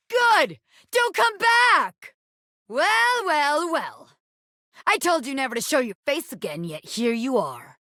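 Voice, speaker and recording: For a video game, a performer voices a brash, scrappy bobby pin, an ex-gangster turned flirty magician showgirl, in an animated, heavily acted delivery. The high, forceful voice swings widely in pitch with cocky street swagger, conveying a scornful threat, and it's recorded very dry and close.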